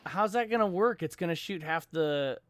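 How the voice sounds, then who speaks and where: Joking man with a bright voice. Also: fairly high pitch, animated, normal speed, slight background noise. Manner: joking, amused, reads chat aloud. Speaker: show host. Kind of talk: casual live-stream chat. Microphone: desk microphone.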